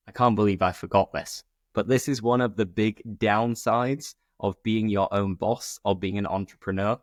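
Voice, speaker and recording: A British man hosting a conversational solo podcast, explaining things informally in clear phrases like a teacher. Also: fairly low pitch, no room sound, clean studio sound. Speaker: podcast host and English teacher.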